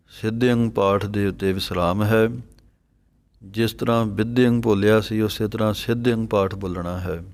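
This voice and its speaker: A man teaching careful recitation of scripture, chanting each phrase and then spelling out how to pronounce it and where to pause. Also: on the low side, a little mellow. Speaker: Gurbani santhia teacher. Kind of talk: slow recitation lesson on pronunciation.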